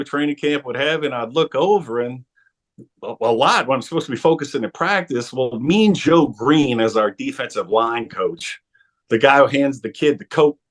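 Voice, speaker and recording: Man, 40s, former football player, podcast guest, animated storytelling, laughs often, restarts sentences. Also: medium pitch. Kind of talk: storytelling interview talk.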